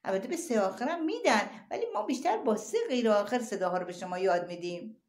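A woman's voice: medium pitch, animated, a little mellow, reverberant. A woman teaching young children their letters, drawing out sounds in a sing-song way in a classroom. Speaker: primary school teacher.

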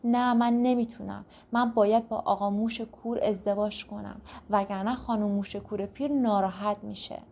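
A woman voicing a tiny, kind young girl in a children's storybook, speaking softly and pleadingly. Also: mid-range voice, fairly even intonation, vocal fry, hardly any pauses. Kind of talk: storybook reading.

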